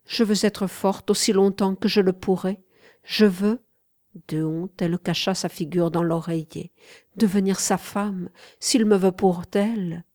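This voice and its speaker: A woman's voice: mid-range voice, steady tone, no room sound, studio quality, natural voice. A woman voicing a tender, torn noblewoman. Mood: confessing. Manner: soft, compassionate, measured. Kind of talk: audiobook reading.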